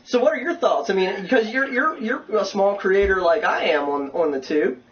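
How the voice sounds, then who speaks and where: A man co-hosting a podcast in casual chat, informal and halting as he repeats words. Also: sits high, fairly bright tone. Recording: muffled, distant internet call.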